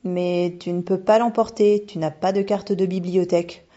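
A woman voicing a lively, kindly young female librarian in a storybook reading, with a dull lo-fi sound. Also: on the low side, moderate pace, close to an everyday voice. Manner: bright and exclamatory. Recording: dull lo-fi recording.

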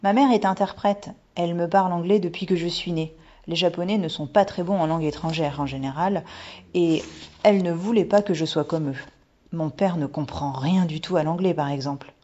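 A woman voicing an eager young girl on a trip abroad, speaking with bouncy, exclaiming excitement. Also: lowish voice, a little fast, natural voice. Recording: dull lo-fi recording.

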